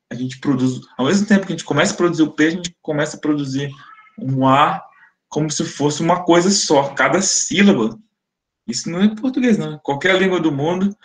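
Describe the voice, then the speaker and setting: A man from Brazil giving an academic webinar lecture, explaining in a conversational way, often checking in with the listeners and sounding out speech examples aloud. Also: fairly high pitch.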